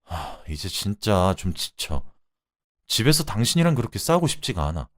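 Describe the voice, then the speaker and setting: A man's voice: on the low side, big pitch swings, quick pace. A man voicing a tired middle-aged husband who mutters his replies in a radio drama. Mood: weary. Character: worn-out middle-aged husband, sullen and weary.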